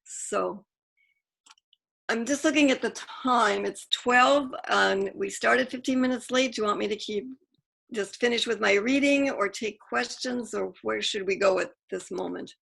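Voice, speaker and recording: Woman, author, video call, chatty, gravelly voice. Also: medium pitch, unhurried. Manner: chatty, warm, self-interrupting. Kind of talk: casual Zoom Q&A.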